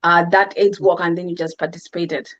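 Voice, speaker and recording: A woman's voice: lowish voice, flat delivery, fairly quick. Woman host asking follow-up questions. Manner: supportive, short affirmations and follow-up questions. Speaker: talk show host. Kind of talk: interview. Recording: dull, slightly muffled audio.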